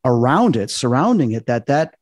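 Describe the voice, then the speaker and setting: A man's voice: mid-range voice, sing-song, normal speed, no room sound, clean studio sound. A man telling earnest stories in a casual podcast chat, walking through paranormal theories at length. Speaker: paranormal investigator guest.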